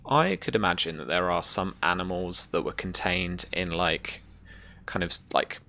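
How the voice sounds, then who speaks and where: Improvising narration and rulings, a game master runs a tabletop roleplaying game with a halting delivery. The voice sits low and has a sharp tone.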